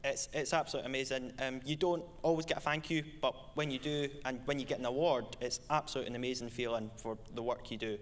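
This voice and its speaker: A man's voice: mid-range voice, steady tone, quick pace, hardly any pauses. A young man who has won an award, answering questions on stage in a passionate, eager way. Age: young adult. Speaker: award winner. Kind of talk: on-stage interview.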